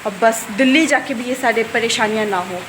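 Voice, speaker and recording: Young adult woman, vlogger, casual and chatty, a touch high-pitched, given to griping. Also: fairly quick, background noise. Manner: chatty, complaining rants. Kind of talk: casual day-in-my-life vlog.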